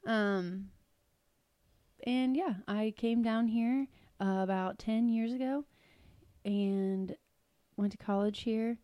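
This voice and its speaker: A woman's voice: fairly high pitch, slow pace, warm tone, dry recording, studio quality. A woman in her thirties from the Cleveland area with a Northern Ohio accent, chatting casually and giggling as a podcast co-host. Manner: laid-back, giggly, swears casually. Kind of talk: casual chat.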